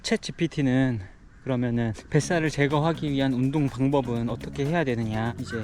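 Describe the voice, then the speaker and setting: A man's voice: medium pitch, fairly quick, darkish tone, faint music behind. A man talking while running, explaining things casually as a fitness vlogger. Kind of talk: casual explanatory vlog talk. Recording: outdoor street and traffic noise.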